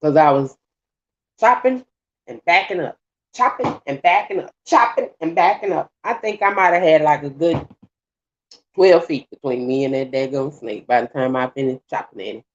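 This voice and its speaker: A woman's voice: sits low, moderate pace, highs cut off. A woman casually telling a story while cooking at home, repeating phrases and acting out the voices of people in it. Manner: animated, acts out voices in her retelling; colloquial, repetitive phrasing. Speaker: vlogger. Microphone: home recording while cooking.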